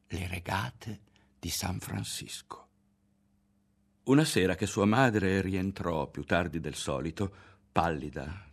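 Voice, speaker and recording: A man giving a literary audiobook narration in a measured, dramatic reading. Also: sits low. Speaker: audiobook reader.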